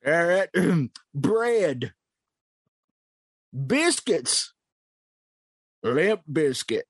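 A man voicing a boastful, cantankerous old male prospector in an improvised comedy bit, drawling slowly and self-importantly, clearing his throat between lines. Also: on the high side, sing-song, dry recording, clean studio sound, full character voice.

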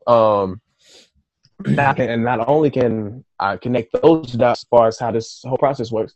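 A man's voice: medium pitch, moderate pace, a little mellow, no echo, rough recording. A man, an author and interview guest, telling a story casually with loose, profane talk and acted-out quotes of his own thoughts.

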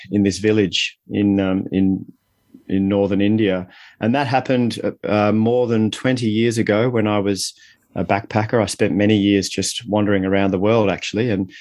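A man's voice: fairly low pitch, a little mellow, no echo, clean studio sound. A middle-aged man speaking reflectively as an interview guest, explaining and telling stories in a conversational way. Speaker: interview guest, leadership coach.

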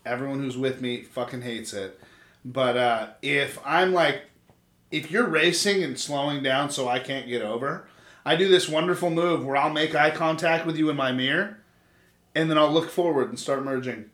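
A man's voice: medium pitch, moderate pace, fairly bright tone. A man co-hosting a casual podcast chat, telling crude stories with lots of swearing and laughter. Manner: crude, profane, laughing storyteller. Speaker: podcast co-host. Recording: echoey room.

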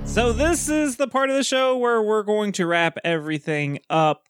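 A man's voice: high voice, moderate pace, fairly bright tone, smooth, no room sound, clean studio sound, faint music behind. A young man co-hosting a podcast, upbeat and steering the casual conversation. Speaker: podcast co-host.

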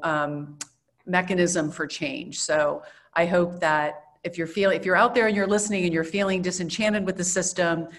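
Earnest woman professor, lowish voice. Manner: earnest, encouraging, slow and deliberate at times. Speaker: guest professor. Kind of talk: podcast interview.

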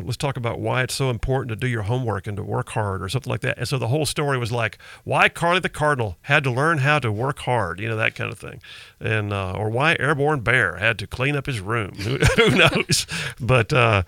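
A man's voice: mid-range voice, gravelly, bright, forceful tone, no room sound. A middle-aged man hosting talk radio in a folksy, emphatic storytelling way, close on a studio microphone. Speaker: radio talk show host. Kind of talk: conversational talk radio monologue. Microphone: close studio broadcast microphone.

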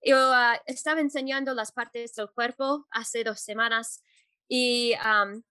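A woman Spanish teacher answering interview questions, pausing often with fillers and correcting herself as she goes. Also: a little high, steady tone, sharp tone, clear, resonant tone, no echo. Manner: hesitant, many fillers and self-corrections.

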